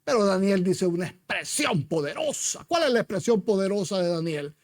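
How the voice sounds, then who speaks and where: A man's voice: high voice, very animated, moderate pace, no room sound, clean studio sound. A man preaching a sermon as pastor, retelling a story with emphasis and rhetorical questions to his congregation.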